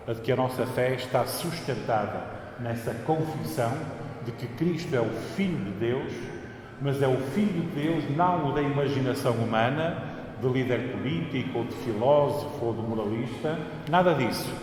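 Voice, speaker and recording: A man's voice: mid-range voice, a little mellow. Portuguese man preaching in cathedral echo. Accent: European Portuguese. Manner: emphatic, repeats phrases for stress. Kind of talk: sermon. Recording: cathedral-like echo, long reverb, faint noise.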